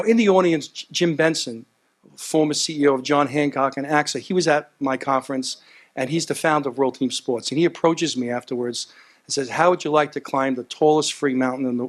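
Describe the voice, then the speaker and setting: A man's voice: mid-range voice, fast talker. Earnest man giving a gala speech. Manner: earnest, repeats himself, animated storytelling. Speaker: gala speaker. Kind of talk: heartfelt gala speech with anecdotes. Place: event hall.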